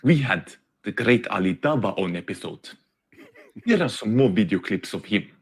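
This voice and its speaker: A man's voice: lowish voice, expressive, normal speed, husky. A man putting on a pompous Russian show host. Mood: mock-serious. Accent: put-on Russian. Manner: stiff, broken, overly formal phrasing. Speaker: mock interviewer in a comedy clip.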